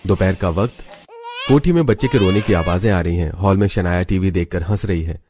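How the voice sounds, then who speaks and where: A man narrates the cartoon story in a very deep, low voice. His delivery is scripted and even, the steady storyteller between scenes. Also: brisk, background noise.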